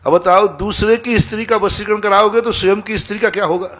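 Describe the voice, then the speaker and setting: A man's voice: high-pitched, fairly even intonation, fairly quick, fairly bright tone. A man, a monk giving a sermon, scolding and emphatic, acting out dialogue in his stories. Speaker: Jain monk answering questions. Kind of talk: sermon with storytelling.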